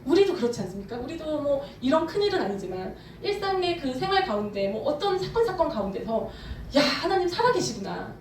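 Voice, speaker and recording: A woman pastor preaching a sermon with fervent emphasis, speeding up and slowing down as she drives her points home. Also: sits high, very animated, darkish tone, a little hiss or hum. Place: church sanctuary. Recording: echoey church hall, from far off.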